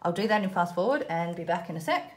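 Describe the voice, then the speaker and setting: A woman's voice: lowish voice, animated, quick pace, slight background noise. A woman with an Australian accent giving a casual craft tutorial, chatting informally and self-deprecatingly as she thinks aloud while working. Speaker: host of a children's craft video.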